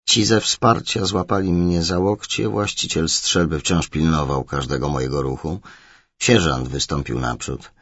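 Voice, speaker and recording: A man narrating a first-person thriller as an audiobook reader, in a measured, low-key way. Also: vocal fry, breathy edge, no echo, lo-fi sound.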